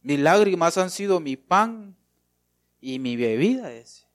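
Male preacher, fairly high voice, emphatic sermon delivery with repeated phrases, dry recording. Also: big pitch swings, slow pace, no echo. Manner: emphatic, repeats phrases, addresses congregation as brother.

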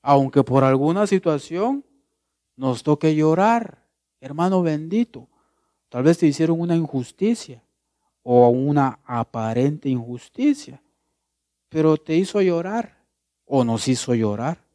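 A man's voice: fairly high pitch, lively intonation, unhurried, pauses often, warm tone, no echo, studio quality. A man preaching a sermon as pastor. He asks questions and answers them himself, and he repeats words and phrases for emphasis.

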